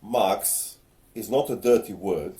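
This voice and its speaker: A man's voice: lowish voice, takes it slowly, warm tone. A man from Bulgaria, a little tipsy, ranting earnestly and lecturing at home, with hesitant fillers. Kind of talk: casual on-camera rant. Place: home, in front of a ring light.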